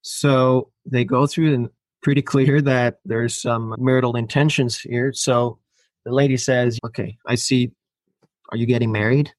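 Here a Finnish podcast guest, native in Finnish, recounts a long personal story in a casual storytelling interview, performing quoted lines and often laughing. His medium-pitched voice is steady and measured. The recording is rough, with no echo.

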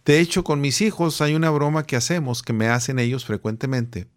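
A man's voice: mid-range voice, fairly quick. A middle-aged man chats as a guest on a personal growth show. He tells stories with energy and slips into the voices of the people in them. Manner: animated storyteller, acting out the people in his anecdotes. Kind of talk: conversational storytelling.

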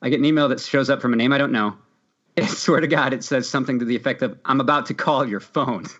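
Brief: man, mid-pitched, teasing co-host, dull lo-fi recording. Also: steady tone. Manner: wry, teasing, quick to laugh. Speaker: podcast co-host. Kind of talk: casual chat. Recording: dull lo-fi mic.

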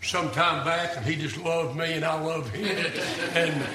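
A man's voice: a little high, measured pace, recorded from a distance, background noise. A man with a Southern US accent telling homespun, devout stories to a congregation as a gospel singer and preacher. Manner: homespun, devout, chuckles as he talks. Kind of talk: folksy testimony and storytelling to a congregation. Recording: echoey room with loud country guitar. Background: country guitar music.

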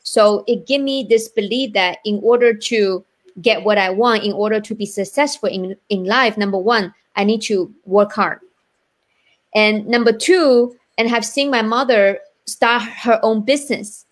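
A Chinese woman with a Chinese accent appears as a guest entrepreneur on a live online interview show, speaking earnestly at a measured pace. Her pitch is medium, and she often checks in with "right?".

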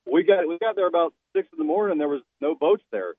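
A man's voice: fairly high pitch, brisk, dry recording. A man calling in on a speakerphone from a car, casually telling a fishing story. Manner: relaxed storytelling, laughing. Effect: phone speaker call. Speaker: guest caller. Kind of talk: casual chat. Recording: tinny phone line, dry.

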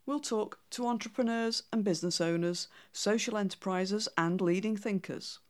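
A woman with a Yorkshire accent and noticeably flat vowels hosts a podcast. She speaks at a middling pitch, moving between prepared introduction and interview questions. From Yorkshire, England. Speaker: podcast host.

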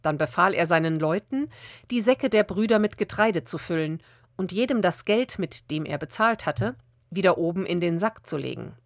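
A woman reading a Bible passage aloud as a measured audiobook narration, slowing down for the quoted speech. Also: fairly low pitch, animated, no room sound, studio quality. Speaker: Bible reader.

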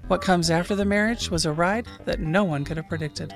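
A woman, a 911 dispatcher who hosts her own podcast, calmly narrating a true call in scripted form. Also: lowish voice, a little fast, over music.

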